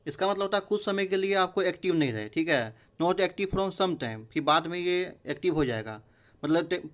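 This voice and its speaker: A man explaining English vocabulary in Hindi, reading the English definitions out slowly. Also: a little high, fairly bright tone. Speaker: vocabulary teacher. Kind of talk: explaining word meanings in a recorded lesson.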